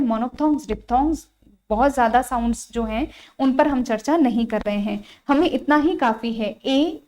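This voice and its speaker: Woman, high voice, teaching English grammar, repeats each point, asks students questions. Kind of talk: exam-prep grammar lesson.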